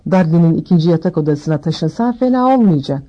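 A woman voicing a blustering, bad-tempered middle-aged uncle who snaps gruffly. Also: low-pitched, animated, quick pace, dark tone, highs cut off. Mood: curt.

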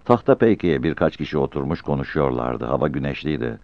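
A man narrating a novel in a calm, expressive storytelling voice. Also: rumbling low, a little fast, vocal fry, no room sound. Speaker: audiobook narrator. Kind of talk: literary narration. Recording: slightly muffled dry recording.

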